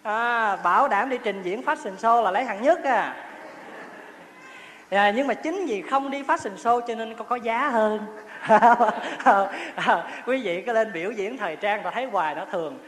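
A man's voice: high voice, unhurried, fairly bright tone, a little hiss or hum. A male Buddhist monk, giving a chatty, humorous dharma talk and often asking his listeners questions. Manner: chatty storytelling, laughs often, asks the audience questions. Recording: roomy hall with long reverb, faint ambience.

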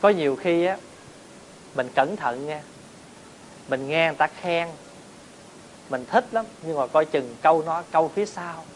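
Gentle monk preaching. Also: male voice, a little high, animated, a little slow, long pauses, a little hiss or hum, rough recording. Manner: gentle storytelling with rhetorical questions and light humor. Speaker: Buddhist monk giving a dharma talk. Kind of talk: sermon.

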